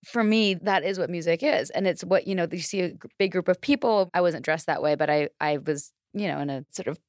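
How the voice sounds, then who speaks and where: A woman's voice: on the low side, fairly quick, no room sound, clean studio sound. A woman in her thirties co-hosting a podcast in casual chat, laughing often and digressing. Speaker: podcast co-host.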